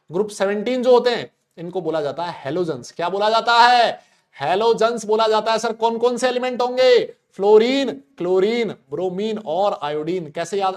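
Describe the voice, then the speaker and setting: A man teaching chemistry in a casual, chatty way, asking and answering his own questions and making up playful memory tricks. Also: sits high. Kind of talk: casual classroom lecture.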